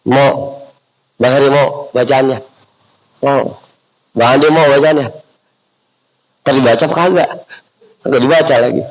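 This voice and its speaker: A man's voice: mid-range voice, fairly even intonation, unhurried, pauses often, poor audio. A man preaching informally to a prayer gathering, joking with listeners and spelling out Arabic letters. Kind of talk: informal religious study sermon.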